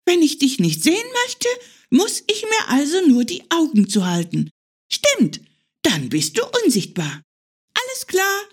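A woman voicing a small, tousled young hare from a storybook who is curious and playful and talks in a high, wondering, childlike way. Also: wildly swooping pitch, measured pace, heavily acted.

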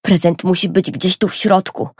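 A woman voicing a thoughtful, determined young boy in a storybook reading, speaking calmly and confidently. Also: fairly low pitch, normal speed, husky, no echo, studio quality. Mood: musing. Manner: calm, confident delivery.

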